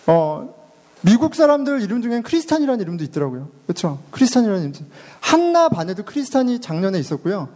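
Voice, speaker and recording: High-voiced male pastor preaching casually. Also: warm tone. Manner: conversational, asks the congregation questions. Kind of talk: sermon.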